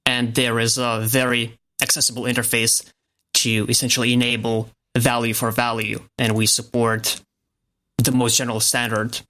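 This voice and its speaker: Brief: man, bright, crisp-edged voice, calm and explanatory interview guest. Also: mid-range voice. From Lithuania. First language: Lithuanian. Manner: measured, explanatory. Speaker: podcast guest, software developer. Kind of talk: casual interview.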